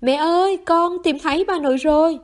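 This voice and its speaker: A woman's voice: high-pitched, normal speed, a little mellow, voice pushed up, natural voice. A woman voicing a flustered teenage boy who pleads in a raised voice in a story reading. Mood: pleading.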